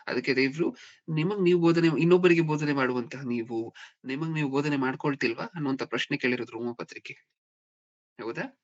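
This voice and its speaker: A man's voice: medium pitch, a bit bright. A man preaching a sermon, often checking in with his listeners with rhetorical questions. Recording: dull lo-fi recording.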